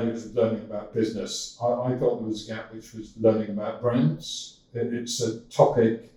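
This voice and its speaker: An older man in casual interview talk, speaking in a halting way with many restarts, as a podcast guest. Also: on the low side, mellow, distant mic. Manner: halting, with frequent repeated starts. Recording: echoey room, from off-mic.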